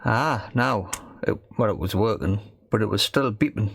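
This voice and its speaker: A man with a lowish, husky voice and vocal fry mutters his thoughts at a moderate pace while doing a hands-on repair for an amateur video. His commentary is casual, tentative and self-deprecating. There's no echo, just faint background noise and clicks from the workbench.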